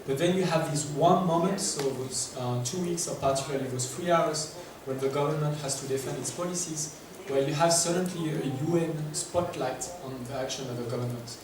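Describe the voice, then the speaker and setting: Speaking English with a French accent, this workshop presenter has a fairly high voice and talks fairly quickly with hardly any pauses, though he hesitates and leans on fillers while quizzing his listeners. It's a conference presentation captured in a big, reverberant hall, distant and noisy.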